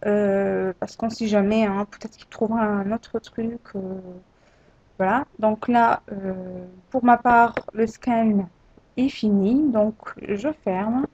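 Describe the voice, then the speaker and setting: A woman talks through a computer tutorial, pausing often and restarting her phrases. Her voice is gravelly and dark, a little husky. The recording sounds dull and lo-fi, as if from a desktop mic. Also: mid-range voice, fairly even intonation, no room sound. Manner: hesitant, many fillers and restarts. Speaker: tutorial presenter. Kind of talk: screen-recorded software tutorial.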